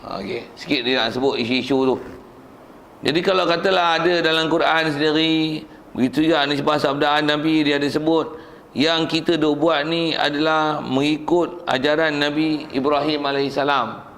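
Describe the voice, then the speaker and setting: Malaysian guy teaching religion class, gravelly voice, bit higher pitched, chatty and jokey. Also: fairly even intonation, moderate pace, fairly bright tone. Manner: conversational, asks and answers his own questions; jokes with the class.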